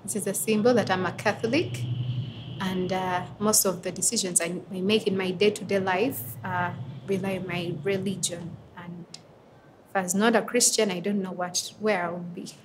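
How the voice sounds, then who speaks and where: A woman's voice: mid-range voice, fairly even intonation, background noise. Earnest young woman from Uganda. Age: 20s. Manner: earnest, reflective, with pauses and fillers. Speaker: interviewee, advocate for women and girls. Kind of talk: answering interview questions.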